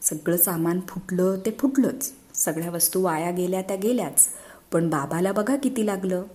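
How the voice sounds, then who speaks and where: A woman voicing a calm mother who gently scolds and coaxes her sons with brisk questions. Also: fairly low pitch, natural voice. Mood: coaxing.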